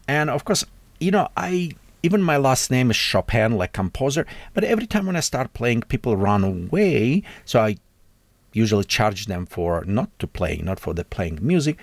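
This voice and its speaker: A man hosting a casual software tutorial, speaking halting, non-native English with frequent restarts and self-corrections. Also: mid-range voice, sing-song, no echo. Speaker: tech tutorial host.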